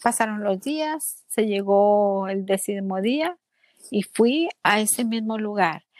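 A woman tells a personal story in conversation, earnest and lively, speaking about her faith. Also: mid-range voice, measured pace, dry recording. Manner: animated, acts out other people's words in quotes.

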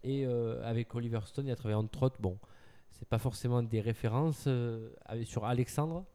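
A man's voice: mid-range voice, normal speed, warm tone, clear, resonant tone. A man chatting casually about film news, playful and teasing, laughing often as he quizzes his co-host.

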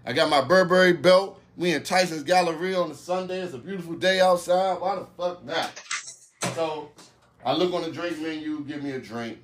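A man's voice: fairly high pitch, brisk, fairly bright tone, slight background noise. A man hosting a podcast, telling a story in casual, profane slang and often asking "you know what I'm saying". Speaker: podcast host.

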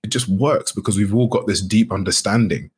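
A man with a low, husky voice talks loosely in a casual interview. His delivery rambles, leaning on filler phrases and restarts. He sounds unhurried and easygoing as he answers. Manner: relaxed, rambling, full of "you know" and restarts. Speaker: guest, actor and game studio founder.

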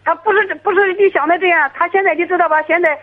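High, fast, halting woman on a tinny phone line. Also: steady tone. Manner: halting, hesitant, restarts often. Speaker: caller. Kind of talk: phone-in to an advice show.

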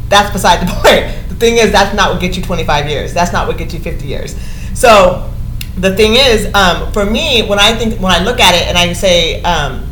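Forties woman hosting a livestream, animated and laughing, in a roomy space. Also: lowish voice, a little hiss or hum. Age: 40s. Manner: laughing, animated, drawn-out pauses. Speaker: host. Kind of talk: casual livestream chat.

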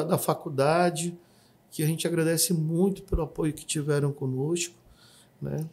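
Husky-voiced man telling a testimony. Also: a little high. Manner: vivid storytelling, acts out shouts and quotes. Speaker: podcast guest giving testimony. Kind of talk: emotional personal testimony.

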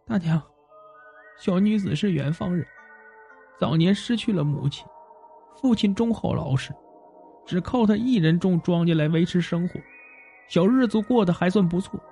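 A man voicing a young female ghost disguised as an orphan girl, speaking softly and sorrowfully. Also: high-pitched, normal speed, creaky, pauses often, soft background music, pitched below the performer's own voice. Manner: soft, sorrowful, pleading.

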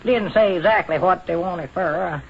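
A man's voice: high-pitched, moderate pace. A man playing a folksy, grumbling country fellow with a rural Southern accent in a 1940s radio comedy. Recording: muffled, noisy 1940s radio recording.

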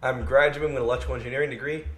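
A man's voice: medium pitch, steady tone, racing. Earnest young man in echoey room. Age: 20s. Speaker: club president. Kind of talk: casual chat. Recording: echoey room, faint noise.

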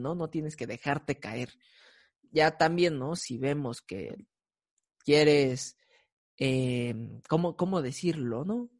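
A podcast co-host with a Mexican accent, chatting casually, laughing often and filling pauses with hesitant sounds. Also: mid-range voice, a little mellow. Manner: giggly, lots of hesitant fillers. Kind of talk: casual chat.

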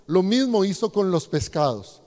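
A man preaches a sermon, speaking directly to his congregation and often asking them questions. His voice sits high for a man. It rings with the long reverb of a large hall. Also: big pitch swings, normal speed, warm tone.

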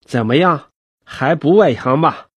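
A good-humoured county official in a spoken story, read by a man. He is brisk and fond of a joke, and his slightly husky voice moves over a wide range of pitch. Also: expressive, dry recording, full character voice. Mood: joking. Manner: brisk, joking.

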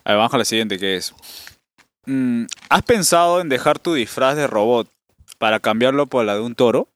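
A man's voice: medium pitch, animated, moderate pace, fairly bright tone, no echo. A man hosting a casual chat, reading out viewer questions and laughing along. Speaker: host.

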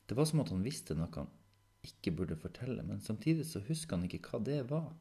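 A man narrating a children's story chapter with an expressive, dramatic reading. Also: fairly low pitch.

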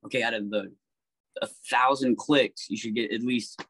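A man talking casually as a podcast guest, animated, swearing freely and pitching story ideas. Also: normal speed, breathy edge, poor audio.

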